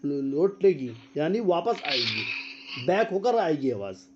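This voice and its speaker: A man teaching a tajweed lesson over a video call, quizzing his students, repeating their answers and spelling out letters slowly as a drill. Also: a little high, very animated, muffled recording, noisy background. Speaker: Quran teacher.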